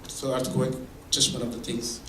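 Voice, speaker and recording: Male presenter, mid-pitched, explaining with examples, heard from a distance in a roomy hall. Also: monotone, moderate pace, noisy background. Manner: explains with examples, many restarts. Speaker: presenter at a mentoring event. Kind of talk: conversational presentation. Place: meeting room or hall. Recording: echoey room from far off.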